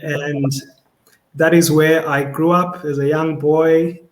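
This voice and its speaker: A man's voice: on the high side, little pitch movement, slow pace, roomy sound, low-quality recording. A young man with a South African Xhosa accent, a podcast guest talking in a thoughtful, casual way and often repeating words as he searches for them. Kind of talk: casual conversation.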